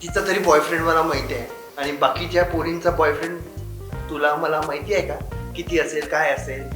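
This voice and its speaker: A man's voice: a little high, steady tone, a little fast, lightly acted. An actor playing a young adult son, exasperated as he argues with his mother. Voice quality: pleading, exasperated. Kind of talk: web series acting. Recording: echoey room with music.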